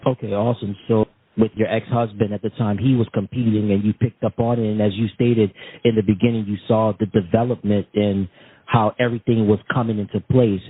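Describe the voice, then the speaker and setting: Man, host, lowish husky voice, wordy, rephrases questions, phone-like audio. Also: flat delivery, fairly quick. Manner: wordy, rephrases his questions several times. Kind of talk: radio-style interview hosting.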